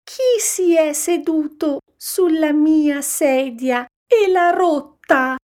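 A tiny sobbing bear cub, very high. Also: female voice, drawn-out words, darkish tone. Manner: wailing, tearful.

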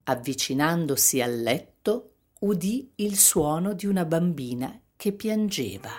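A woman reading a fairy tale aloud as narrator, in a calm, measured storytelling manner. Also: sits low, slightly rough.

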